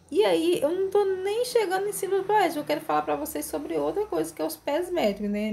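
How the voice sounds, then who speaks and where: A woman's voice: on the high side, darkish tone. A woman teaching literature in an informal online lecture, explaining step by step and often checking in with tag questions. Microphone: phone screen recording.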